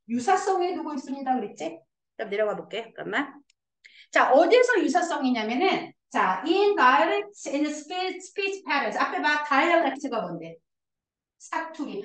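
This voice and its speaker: Lively high-voiced woman teacher, roomy. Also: recorded from a distance. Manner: coaxing, asks students questions and answers herself. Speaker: high school English teacher. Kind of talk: classroom lecture explaining a reading passage. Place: classroom.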